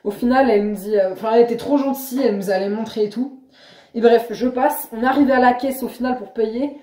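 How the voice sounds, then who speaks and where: A young woman vlogger chatting casually, telling an anecdote in lively slangy storytelling. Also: a little high, quick pace. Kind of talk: casual chat. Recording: echoey room.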